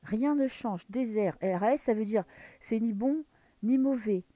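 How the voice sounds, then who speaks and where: French woman reading tarot cards, mellow voice, dry close sound, talks to herself and whispers now and then. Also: on the high side, unhurried, dry recording. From France. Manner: muses aloud while drawing cards, drops into whispers. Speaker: tarot card reader. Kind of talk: casual tarot reading to camera.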